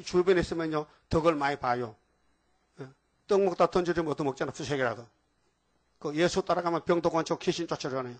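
A man preaching a sermon in a colloquial way, reading scripture slowly and often asking the congregation rhetorical questions. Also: a little high. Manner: reads scripture aloud slowly and deliberately.

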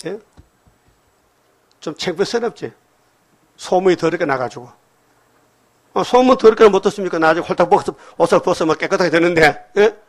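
An older man preaching a sermon in a church, animated and firing rhetorical questions at the congregation. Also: high voice, fairly quick, long pauses. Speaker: pastor. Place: church sanctuary.

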